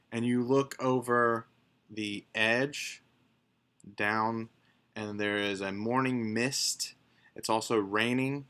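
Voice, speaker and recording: A man runs a tabletop game over a call, narrating in a bright voice. He takes his time and fills gaps with ums as he describes the scene. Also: medium pitch, smooth. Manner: unhurried, descriptive narration with fillers. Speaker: game master.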